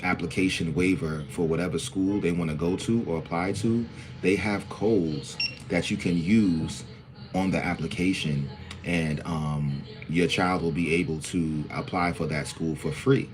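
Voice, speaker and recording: A man in his forties from New hosts a casual livestream, talking loosely and greeting viewers by name. His voice is low, steady, and unhurried, with slight background noise.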